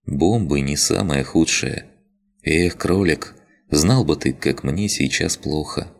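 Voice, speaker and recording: A man's voice: a bass voice, slow pace, vocal fry, heavily acted. A man voicing a tired young woman who sounds resigned and wryly sad. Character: weary young woman awaiting her fate.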